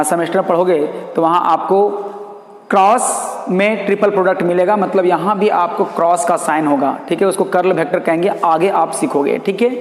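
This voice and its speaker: A man teaching a math class, who repeats key terms and asks questions that he answers himself. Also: sits high. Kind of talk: classroom lecture. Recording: echoey room with long reverb.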